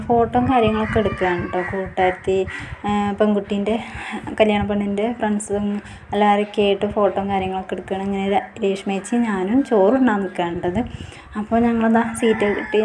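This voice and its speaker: A woman's voice: medium pitch, mellow, a little hiss or hum. A woman with a Keralan accent, narrating her own vlog in a chatty, casual way, tagging her sentences with friendly little asides. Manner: chatty, tags sentences with "ട്ടോ" and "കേട്ടോ". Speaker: vlogger.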